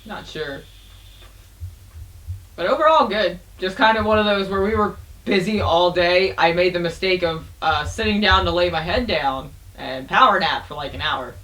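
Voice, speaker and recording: A man's voice: high-pitched, moderate pace, sharp tone. A tired American man co-hosting a podcast, playful, laughing and swearing in casual banter. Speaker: podcast co-host.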